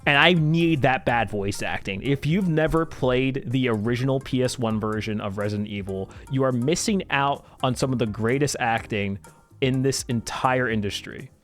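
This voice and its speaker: Male streamer, casual and enthusiastic live commentary, mid-pitched voice, loose swearing, soft music underneath. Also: normal speed. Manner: enthusiastic, profane, laughs while talking.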